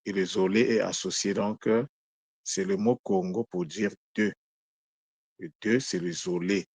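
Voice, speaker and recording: A man giving a daily spiritual teaching, explaining words slowly and carefully with frequent pauses. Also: low-pitched, fairly even intonation, a little mellow, husky, no echo. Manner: slow, measured, explaining word by word with pauses.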